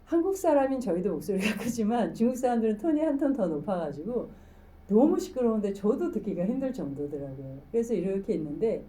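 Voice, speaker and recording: A woman's voice: mid-range voice, very animated, quick pace, warm tone, recorded from a distance, low-quality recording. A woman giving a public lecture in a conversational, storytelling way, often asking the audience questions. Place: lecture room.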